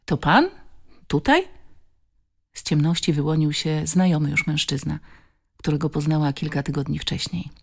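A woman narrating an audiobook in a calm, measured, expressive reading style. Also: low-pitched, gravelly, slightly rough. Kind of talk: scripted narration.

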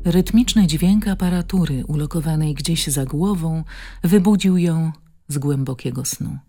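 Brief: low-voiced female audiobook reader, slightly gravelly, calm pace, faint guitar behind. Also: unhurried. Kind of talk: scripted audiobook narration.

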